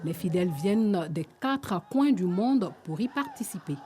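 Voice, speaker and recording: Female reporter, Ivorian French accent, dark mellow tone, formal narration. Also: mid-range voice, expressive, normal speed, slight background noise. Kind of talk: news report voice-over.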